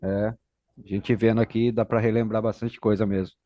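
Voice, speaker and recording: A man taking part as a student in an online class, making relaxed, offhand remarks. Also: lowish voice, moderate pace, highs cut off.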